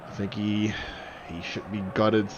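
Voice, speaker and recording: A young man commentates a live online match in a chatty way, with fillers and restarts, his voice jumping sharply on goals and saves. His voice is fairly low with fairly even intonation and a measured pace, in a muffled recording with background noise.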